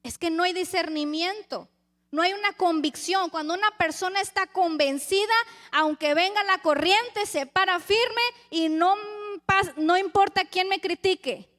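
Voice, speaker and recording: Woman preacher, high voice, reads scripture and acts out crowd voices, sermon. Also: unhurried, a bit bright. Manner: addresses the congregation as brothers, reads scripture aloud.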